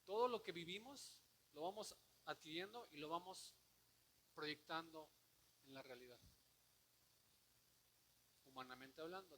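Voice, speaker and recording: A man preaching a sermon, asking the congregation rhetorical questions and swinging from quiet, low passages to loud declamation. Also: a little hiss or hum. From Mexico. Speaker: pastor.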